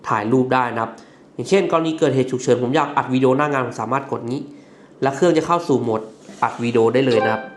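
A man's voice: mid-range voice, a bit bright. A man giving a casual, polite product review, explaining features step by step. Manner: polite, frequent courtesy particles. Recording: roomy echo, faint background noise.

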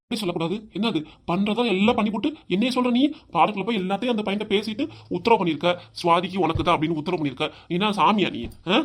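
Racing along with few pauses, a natural mid-range voice brings to life a stern, quick-tempered father in middle age who speaks with a southern Tamil accent. He berates his wife, raises his voice to a shout, and finally breaks into tears.

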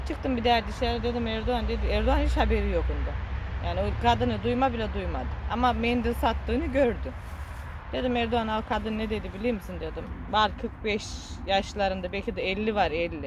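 A woman's voice: on the high side, background noise. A woman with a Trabzon Turkish accent, telling an emotional personal story in an earnest, regretful way. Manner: earnest, regretful, speaks with repetition and local dialect words. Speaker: vlogger.

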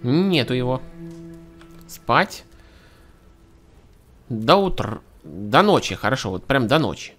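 A man's voice: mid-range voice, big pitch swings, slow, pauses often, a bit bright, faint music behind. A man giving casual let's-play commentary, talking to himself in colloquial speech with mild grumbling. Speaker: gaming video host. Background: game ambience with horse hooves.

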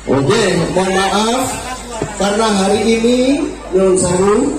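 Very high-pitched echoey male announcer, Javanese accent. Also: fairly even intonation, takes it slowly. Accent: Javanese Indonesian. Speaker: event committee co-host. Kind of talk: live stage announcing. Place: outdoor tented stage before big crowd. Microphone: event microphone through PA speakers. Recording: very echoey PA, music and crowd noise.

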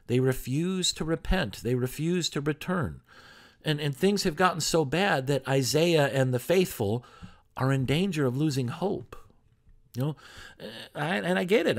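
A man pastor giving a sermon in a conversational preaching style, full of rhetorical questions. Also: on the high side.

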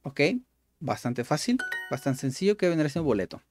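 A man's voice: mid-range voice, big pitch swings, normal speed, a little mellow, faint music behind. A man giving casual gameplay commentary, repeating each word aloud and explaining it like a patient tutor. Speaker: gaming YouTuber.

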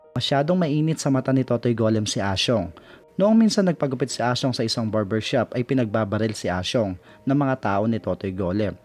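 A man narrating a true crime story in a steady, measured scripted voice-over for an online channel. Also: lowish voice.

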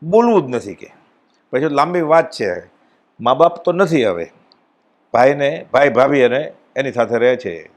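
Animated man giving a devotional discourse. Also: a little slow, long pauses. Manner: animated storytelling, acts out dialogue with swings in pitch and loudness. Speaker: spiritual speaker at a satsang.

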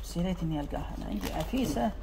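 A high-pitched man with a Gulf Arabic accent teaches a dialect lesson, drawing out sounds one at a time to show how they are made. His voice is gravelly, and a long reverb hangs on his words. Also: animated, heavy background noise. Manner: demonstrates sounds by repeating them slowly; sketches a diagram while explaining. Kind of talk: explanatory lesson.

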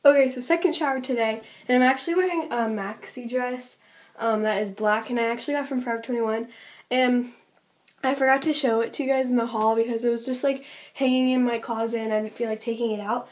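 A woman's voice: a little high, fairly even intonation, brisk. A young woman vlogging at home, chatting casually about her shopping haul, with lots of "like" and little giggly asides.

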